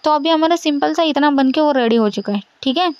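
A woman's voice: sits high, brisk, dry recording, muffled recording. A young woman teaching a coding lesson over a screen share, talking casually and reassuringly, checking in with "okay" again and again. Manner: casual, repeats "okay" and "theek hai" often, reassuring. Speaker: coding tutor.

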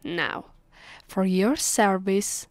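Playing a possessive, haughty vampire mistress who orders around and looks down on her captive, this Italian-accented ASMR voice actress from Italy speaks very slowly, closely and often in whispers. Her mid-range voice sounds smug and teasing, captured dry on a close microphone without room sound.

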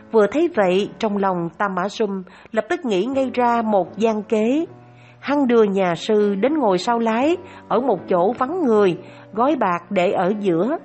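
A woman storyteller narrating a Buddhist moral tale in a measured, even way. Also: medium pitch. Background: soft instrumental music.

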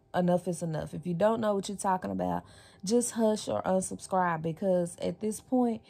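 A woman's voice: lowish voice, gravelly, dark tone. A woman, vlogging from her car and venting to her viewers in a frustrated, direct way. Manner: frustrated, venting straight to camera. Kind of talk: casual vlog talk. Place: parked car, dark at first then daylight. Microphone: phone camera on the dashboard.

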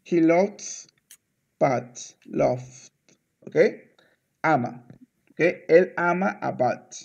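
A man tutoring a student through a one-on-one Spanish lesson, speaking very slowly. He is patient, repeats each word, and often slips into English to explain. His fairly high voice comes through a dull, lo-fi recording. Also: gravelly. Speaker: Spanish teacher.

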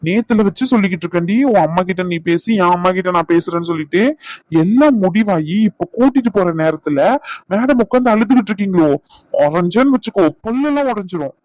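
A man's voice: high-pitched, animated, fast, a little mellow, no room sound, highs cut off. A man voicing a teasing, bossy young husband in a cartoon, scolding in banter. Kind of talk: cartoon voice acting.

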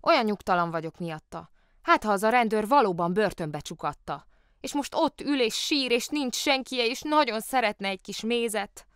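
A woman's voice: lowish voice, big pitch swings, few pauses, dry recording, studio quality. A woman voicing an earnest little girl who tries to sound stern, asking urgent, demanding questions. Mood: stern worried.

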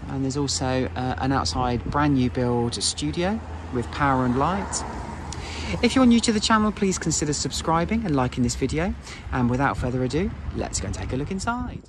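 Walking around an empty new-build house, inside and out, a British estate agent gushes through a property tour in polished sales patter. His medium-pitched voice is animated and moderately paced. There's background noise, and the empty rooms sound echoey.

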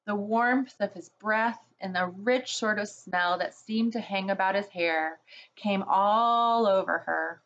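Brief: unhurried woman storyteller reading to kids, soft asides, muffled audio. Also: medium pitch. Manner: slow, gentle, with asides to children. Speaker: children's story reader for a church. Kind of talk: reading a children's book aloud.

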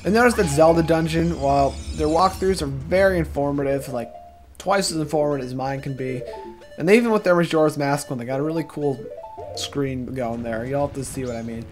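A man's voice: a little high, brisk, darkish tone. A man giving casual, joking walkthrough commentary over gameplay, rambling into self-deprecating asides. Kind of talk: casual let's-play commentary. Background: game music.

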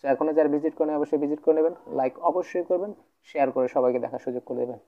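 A man giving a casual video lesson, repeating words slowly and often checking in with his listeners. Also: on the high side, fairly even intonation. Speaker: language teacher. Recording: dull lo-fi sound.

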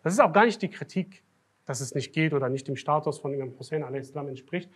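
A man giving a religious night lecture as a sheikh, swinging from quiet, low remarks to loud, emphatic declarations. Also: brisk, husky. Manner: grows loud and emphatic when making a point, drops low and soft at times. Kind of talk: Muharram night sermon. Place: lecture hall of a foundation.

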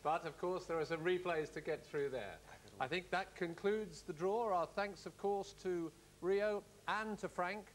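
A middle-aged man announces a cup draw formally and courteously. His voice sits a little high and his delivery is measured. There is light background noise with the odd click. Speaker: host of a televised cup draw. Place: studio-style hall set with audience.

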